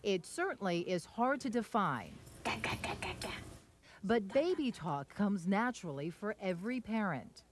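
A woman news reporter narrating a report and interviewing a mother, with a clear broadcast delivery. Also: mid-range voice, big pitch swings, unhurried, a little hiss or hum.

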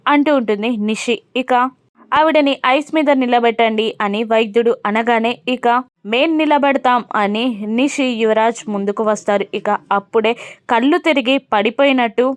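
A woman's voice: on the high side, normal speed, no room sound. A woman casually retelling a TV serial episode, moving the story along with frequent fillers. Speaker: TV serial recap narrator. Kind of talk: casual episode recap narration.

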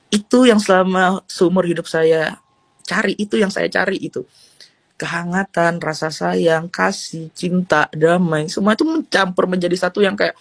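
A man's voice: a little high, no room sound. A man giving a personal testimony in casual, earnest storytelling, repeating phrases and slipping in a few English words. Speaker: testimony giver.

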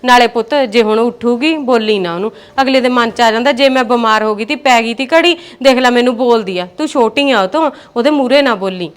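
An actress playing a gentle, patient village mother-in-law who soothes and placates her daughters-in-law. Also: on the high side, a little fast, few pauses, clear, resonant tone, lightly acted.

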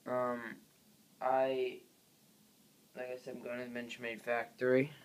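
A man's voice: mid-range voice, completely flat delivery, measured pace. A young man rambling casually through a vlog, with lots of ums and likes, filmed on his phone. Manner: rambling, filler-heavy. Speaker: vlogger. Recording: noisy phone recording.

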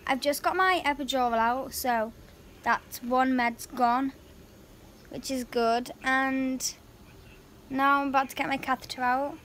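A woman's voice: sits high, steady tone, a little slow, a bit bright. A young woman, weak after surgery, speaking casually as a patient keeping a video diary from her hospital room. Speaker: patient vlogger recovering from surgery. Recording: noisy hospital room recording.

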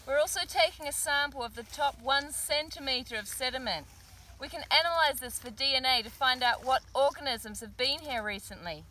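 A woman's voice: sits high, normal speed, bright, forceful tone, a little hiss or hum, rough recording. A woman marine researcher explaining her fieldwork outdoors on a shoreline, in an upbeat, explanatory way. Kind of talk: field documentary narration.

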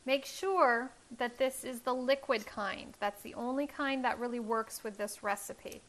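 A measured pace and a slightly bright voice on the high side mark this woman in her thirties. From her kitchen, wearing a lapel mic, she hosts a home cooking show and explains each step of the demonstration in a friendly, instructional way.

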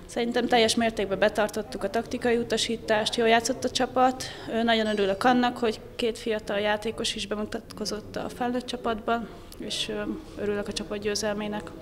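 Even-toned woman in a reverberant hall. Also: on the high side, hardly any pauses. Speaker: team representative interviewed after match. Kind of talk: post-match interview. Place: indoors before a sponsor backdrop. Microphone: handheld interview microphone. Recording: very echoey hall, crowd chatter behind.

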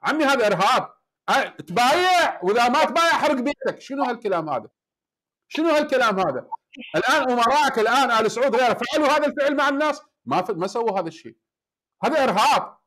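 A man's voice: extremely high pitch, sing-song, rapid-fire, fairly bright tone. An Iraqi man hosting a heated call-in debate, pressing his guest with repeated rhetorical questions. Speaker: debate show host.

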